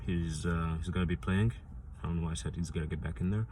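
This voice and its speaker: This football fan channel host talks quickly in a low, dark, steady-toned voice, rambling through his predictions. He keeps restarting, using fillers and hammering the same points. A faint hiss or hum sits underneath.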